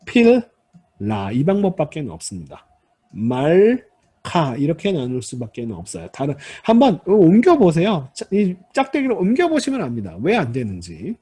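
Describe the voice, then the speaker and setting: Male language teacher, lively pitch, slightly husky, patient step-by-step lecturing, sounds out examples aloud. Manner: explains step by step, addresses students politely; demonstrates Hebrew word stress aloud. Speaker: Hebrew instructor. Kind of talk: recorded lecture.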